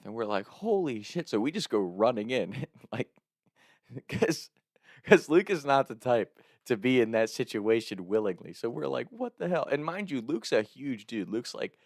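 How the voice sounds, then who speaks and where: A young man telling a true story in a casual, animated way, laughing often and acting out what people said. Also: on the low side, no room sound, clean studio sound.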